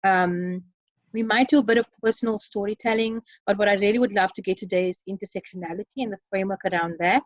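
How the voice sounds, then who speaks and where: A woman facilitating an online session, speaking earnestly with many ums and pauses. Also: mid-range voice, no room sound, highs cut off. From South Africa. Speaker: webinar facilitator. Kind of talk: online presentation. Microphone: computer mic on a video call.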